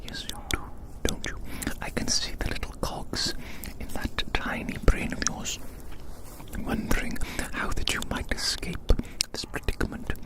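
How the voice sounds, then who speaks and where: A breathy whisper without voiced tone carries this ASMR performer's turn as a gloating, domineering giant, unhurried and caught on a rough recording. Playfully menacing, the giant savours and repeats phrases while toying with tiny prey.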